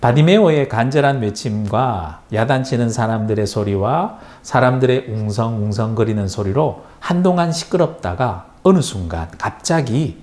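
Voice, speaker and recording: A male pastor narrating a bible story for children. He tells it in an animated storybook way, full of sound words. His pitch rises and falls in wide sweeps.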